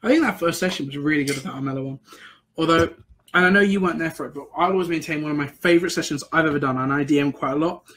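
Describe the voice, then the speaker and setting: A man with a husky, slightly breathy voice that sits a little high for a man. He rambles cheerfully through tabletop game stories in a casual livestream chat and laughs often. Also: very fast, fairly bright tone. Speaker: game master.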